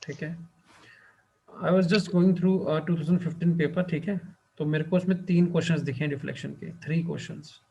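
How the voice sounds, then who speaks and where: A male teacher lecturing a class, who keeps asking the students questions and fills his pauses with the same short check-in phrase. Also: a little high, fairly even intonation, gravelly, a little mellow, highs cut off. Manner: quizzes students and fills pauses with "theek hai".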